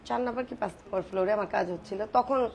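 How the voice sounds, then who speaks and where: A woman's voice: medium pitch, fast talker, creaky, darkish tone, a little hiss or hum. Opinionated middle-aged woman, former actress. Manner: firm, opinionated, mixes in English words. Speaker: guest, former film actress. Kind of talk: casual talk show interview.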